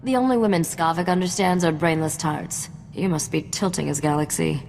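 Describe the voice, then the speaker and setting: Voicing a self-assured, shrewd mechanic among space smugglers for a video game cutscene, an actress speaks fairly quickly in a low, creaky, slightly mellow voice with a dry, sardonic, wry edge. The sound is big-room, with a little hiss or hum.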